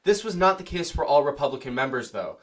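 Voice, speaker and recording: A young man reads the lead stories in a slightly high voice. His delivery is earnest and formal, in the manner of an anchor opening a newscast. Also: sing-song, quick pace. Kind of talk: scripted news reading.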